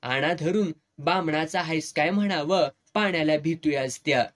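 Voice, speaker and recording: A man voicing a bold, quick-tempered village girl, speaking in a with a teasing, bossy manner. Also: a little high, fairly bright tone, natural voice.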